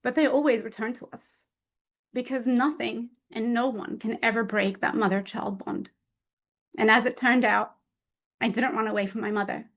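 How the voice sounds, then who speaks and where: A woman's voice: on the high side, steady tone. Woman in her thirties giving a heartfelt speech. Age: 30s. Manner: heartfelt, dramatic pauses, storytelling. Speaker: public speaker. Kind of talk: emotional competition speech.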